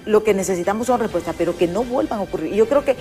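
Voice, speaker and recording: A woman's voice: mid-range voice, expressive, racing, warm tone. An older woman with a Honduran Spanish accent hosts a political interview program. She talks in an emphatic, opinionated way and turns to address the viewers directly, and faint music plays under her voice. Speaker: host. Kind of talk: political talk show interview.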